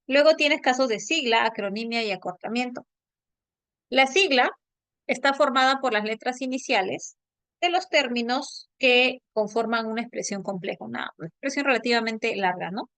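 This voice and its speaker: A woman teaching a language class online, explaining step by step and checking understanding with quick tag questions. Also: a little high, fairly bright tone, no echo.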